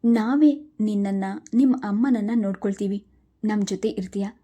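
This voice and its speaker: A woman's voice: medium pitch, moderate pace, warm tone, husky, natural voice. A woman reading the lines of an older, grieving grandfather in a spoken family story, pleading and heavy-voiced.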